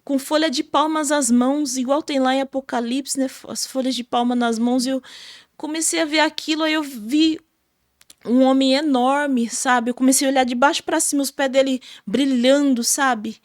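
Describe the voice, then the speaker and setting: A woman's voice: high-pitched, fairly even intonation, moderate pace, dry recording, studio quality. A Brazilian woman, a gospel singer, telling her personal testimony in a podcast interview with emotional storytelling. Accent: Brazilian Portuguese. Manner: emotional storytelling, many fillers like "sabe?".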